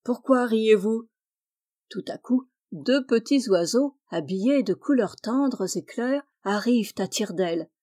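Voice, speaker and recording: A woman reading a children's story aloud, gentle and lilting, lifting her voice for the animal characters. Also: mid-range voice, expressive, measured pace, few pauses. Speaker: audiobook reader.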